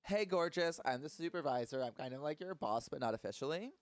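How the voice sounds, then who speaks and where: A man's voice: medium pitch, sing-song, unhurried, no echo. A man doing a bubbly Valley Girl lady boss. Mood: gushing.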